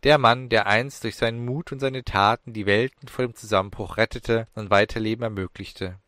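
A man reading an audiobook, voicing the gentle ghost of a woman doctor who speaks in solemn, soothing prophecies. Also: on the low side, fairly even intonation, normal speed, dry recording, lightly acted.

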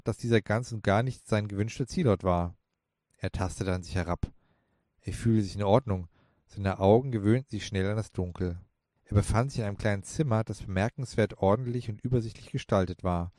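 Male audiobook narrator, low-pitched, measured and calm, dry studio read. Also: no room sound. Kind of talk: scripted narration.

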